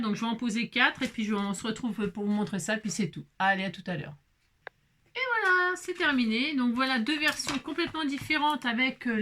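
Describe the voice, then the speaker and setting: A woman's voice: a little high, sharp tone. A woman vlogging a craft project, chatting casually to viewers as she works and exclaiming over every little detail. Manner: chatty, talks to viewers while working. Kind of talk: casual crafting tutorial chat.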